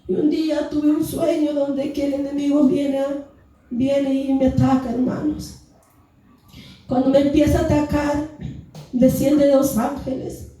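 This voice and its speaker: A woman's voice: high-pitched, level tone, measured pace, warm tone. A woman giving an earnest, fervent testimony to a church congregation, calling them brothers. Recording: echoey church hall, distant mic, music behind.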